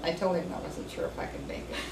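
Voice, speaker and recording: An elderly woman, a grandmother, telling family stories in a casual, rambling, anecdotal way, as an elder recalling the past. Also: fast talker. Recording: roomy, clearly noisy home recording.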